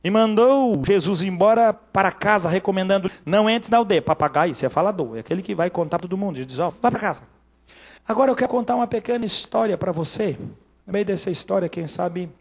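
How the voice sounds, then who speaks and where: High-voiced husky Brazilian pastor preaching. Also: male voice, darkish tone. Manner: dramatic storytelling, acting out dialogue. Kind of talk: sermon. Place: church.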